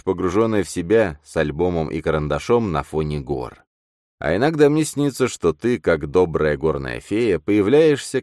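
Man reading as a joking loving guy, deep voice that moves around a lot, storybook read. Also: darkish tone, no echo, clean studio sound. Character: warm adult man, writer, fond and joking. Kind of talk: audiobook character reading.

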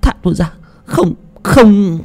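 A man voicing a terrified young village woman who pleads and sobs in a shrill falsetto. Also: expressive, slow, warm tone, soft background music, full character voice. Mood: desperate pleading.

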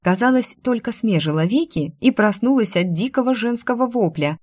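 A woman narrating a first-person fantasy story in a lively, wry, expressive way. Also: fairly high pitch, moderate pace, no room sound, clean studio sound. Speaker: audiobook narrator.

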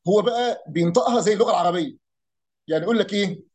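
An Egyptian man with a high-pitched voice and an Egyptian Arabic accent talks fast and animatedly about Arabic dialects and folk heritage. In this casual explanation he imitates regional pronunciations and throws out rhetorical questions.

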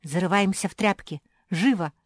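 A woman's voice: medium pitch, animated, measured pace, no room sound, studio quality, pitched above the performer's own voice, natural voice. Woman doing a bossy pug girl. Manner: bossy, firm. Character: bossy, practical young female pug leader.

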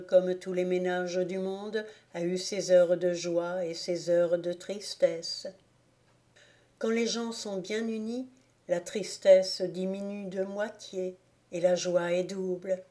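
Mellow-voiced woman reading a storybook. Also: lowish voice. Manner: measured, expressive reading. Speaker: audiobook reader. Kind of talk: storybook narration.

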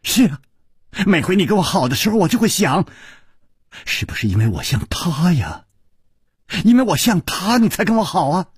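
A man's voice: fairly high pitch, big pitch swings, moderate pace, no room sound, studio quality, full character voice. A man putting on a coy, teasing young woman. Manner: coy, purring, slips into breathy whispers. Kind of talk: audiobook character voice.

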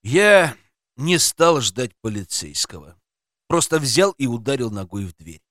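Guy reading a tense story out loud, animated, dry close sound. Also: mid-range voice, a little slow, no echo. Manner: first-person storytelling with vivid, tense pacing. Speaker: narrator. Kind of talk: audiobook narration.

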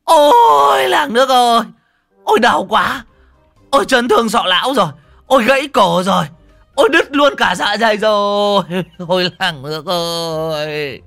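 A man's voice: expressive, normal speed, gravelly, a bit bright, faint music behind, heavily acted. A man voicing a scrawny old village man who wails theatrically. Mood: wailing. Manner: shrill wailing lament.

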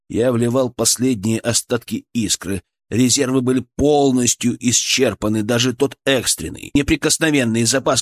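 A man reading a fantasy audiobook in the first person, telling a tense story in a dramatic way. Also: medium pitch. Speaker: audiobook narrator.

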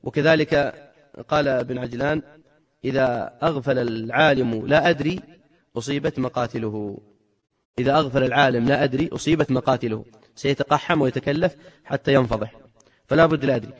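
Male religious teacher, mid-pitched, rapid reading delivery with emphatic asides. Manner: reads quoted narrations briskly, then comments with emphasis. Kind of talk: reading and explaining a religious text.

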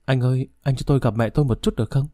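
A gentle, resigned young defendant, voiced by a male storyteller. He talks softly and calmly even under pressure. The voice is warm, dark and dry. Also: mid-range voice, racing, no room sound, close to an everyday voice.

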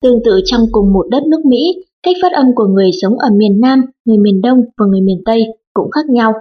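A woman narrating an audiobook in an even, formal reading tone. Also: a little high, fast, husky. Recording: dull lo-fi audiobook recording.

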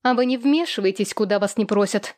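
A woman's voice: fairly quick, no echo, studio quality, close to an everyday voice. A woman reading an audiobook, voicing a spiteful, haughty young woman who hisses and sneers. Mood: shouting scorn. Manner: shrill, sneering and shouting.

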